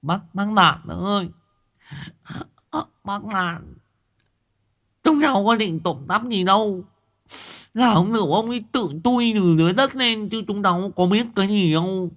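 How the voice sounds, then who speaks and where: A man's voice: unhurried, long pauses, fairly bright tone. A man voicing a frightened young village thief who stammers and whines as he begs for mercy. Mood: pleading. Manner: high, whiny, stammering pleas. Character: whimpering young village thief, male, pleading.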